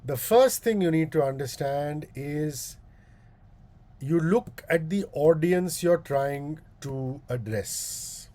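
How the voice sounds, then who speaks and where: Speaking slowly in a booming voice with a deep, mellow tone and an Indian English accent, a man gives a public speaking workshop talk as a guest speaker. His delivery is deliberate, with long pauses and repeated demonstrations.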